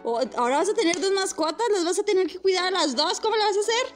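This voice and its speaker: A woman hosting children's gameplay commentary in a bright sing-song manner, drawing out words and using cute diminutives. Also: very high voice, animated, quick pace. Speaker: host of a children's gaming video channel. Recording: music under the voice. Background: background music.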